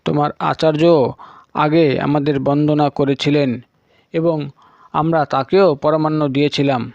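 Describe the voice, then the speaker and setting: A man voicing twin divine physicians, kindly and generous, in a measured, solemn way. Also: fairly high pitch, fairly even intonation, creaky, a little mellow, no room sound. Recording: dull lo-fi recording.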